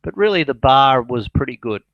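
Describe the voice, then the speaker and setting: A man's voice: mid-range voice, expressive, moderate pace, dry recording, lo-fi sound. A man dictating financial market commentary as an analyst, speaking his punctuation aloud and letting his voice drop on it. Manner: dictating, voice dropping on spoken punctuation.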